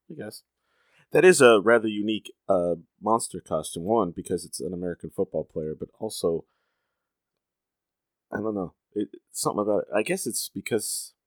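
A man's voice: low-pitched, no room sound. A man hosting casual commentary on an episode, with musing, dry asides. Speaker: podcast host.

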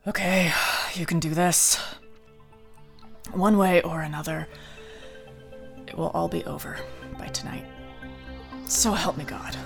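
An intense, world-weary woman in a screen drama, played by an actress, has a lowish voice full of creak. She speaks slowly and protectively, with music underneath. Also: fairly even intonation. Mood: steeling herself. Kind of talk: naturalistic screen drama acting.

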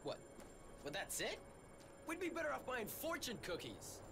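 High-pitched, excitable young hero. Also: male voice, normal speed, background noise, heavily acted. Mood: griping. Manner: slangy, animated. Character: excitable, griping young male superhero teammate. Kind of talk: live-action kids' superhero TV drama.

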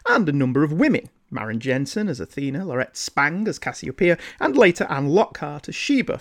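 A man hosting a podcast, reading scripted narration with measured, emphatic phrasing. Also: fairly high pitch. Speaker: podcast host.

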